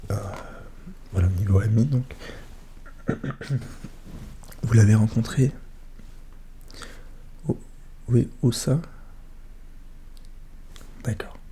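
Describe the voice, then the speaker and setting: A man doing a soft-spoken, ASMR role-play as a psychologist, questioning gently and attentively in a hushed voice that drifts into speaks softly. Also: fairly low pitch, a little hiss or hum. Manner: gentle, attentive questioning with short murmured acknowledgements.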